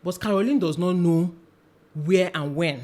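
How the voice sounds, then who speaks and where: A woman's voice: on the low side, moderate pace, a little mellow. A woman with a Nigerian accent in a casual gossipy chat reviewing a reality show, repeating phrases and chiming in with agreement.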